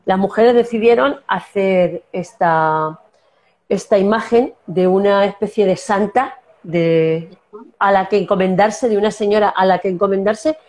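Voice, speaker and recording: Mid-range and unhurried, with a touch of mellowness, the voice belongs to an actress from Castilla-La Mancha. Speaking with that region's Spanish accent in a casual interview, she narrates anecdotes full of restarts and filler words.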